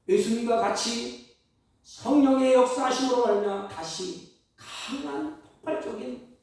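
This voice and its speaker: A man pastor preaching a Sunday sermon, theatrical, jumping between loud exclamations and hushed asides and slowing down to act out quoted dialogue. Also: high voice, creaky. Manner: acts out quoted dialogue in slowed, drawn-out lines. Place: church sanctuary. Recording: very echoey church hall, mic far off.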